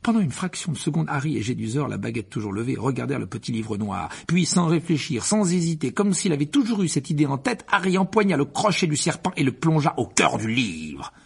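A man narrates a fantasy novel in a gravelly, strongly husky voice of middle pitch. He tells the story expressively and lifts his voice as the action builds. The delivery is steady audiobook reading. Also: brisk, few pauses.

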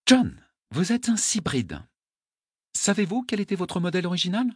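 A man reading an audiobook, voicing a sharp, commanding noblewoman who interrogates a prisoner, in a husky falsetto. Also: sing-song, moderate pace, no echo, studio quality, heavily acted. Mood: urgent. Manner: imperious, urgent questioning. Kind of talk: audiobook character voice.

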